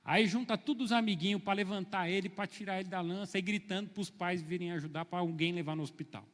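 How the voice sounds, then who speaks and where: Pastor, male, middle-aged: high, bright, storytelling sermon in a hall with long reverb. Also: fairly even intonation, fast. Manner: storytelling, swings from soft to loud and emphatic.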